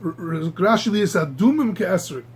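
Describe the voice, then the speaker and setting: A man teaching a Talmud class, halting and repeating words, marveling aloud at the texts. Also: sits high, breathy edge. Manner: halting, repeats words while reaching for the next; animated, marvels aloud at the text. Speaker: Torah teacher.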